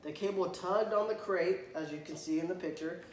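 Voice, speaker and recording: A man reads a picture book aloud to a child, briskly and in a voice that sits high, frequently clearing his throat. He stops to point out pictures and ask questions, recorded in an echoey room with faint background noise.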